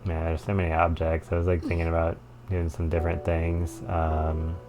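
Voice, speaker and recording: Man, game streamer, casual jokey commentary, very low voice, gravel in it. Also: monotone, normal speed, background noise. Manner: jokey, reacts aloud to the game characters. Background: game music.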